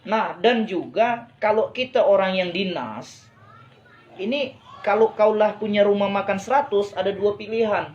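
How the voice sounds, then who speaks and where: A man's voice: sits high, normal speed, a little mellow, dull audio, slight background noise. A man giving a persuasive business talk to a live online audience, often asking listeners whether they agree and repeating phrases for emphasis. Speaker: business motivational speaker.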